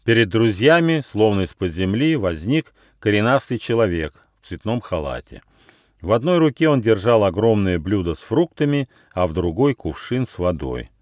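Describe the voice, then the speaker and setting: A man reading his own fairy tale aloud as an audiobook, with expressive storytelling. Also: lowish voice, normal speed, no room sound, clean studio sound.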